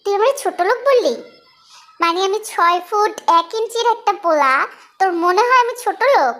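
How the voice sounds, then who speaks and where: A woman's voice: very high-pitched, lively intonation, fairly quick, pushed and bright, full character voice. A woman voicing a touchy, self-pitying young husband who talks in a sulky, sarcastic way.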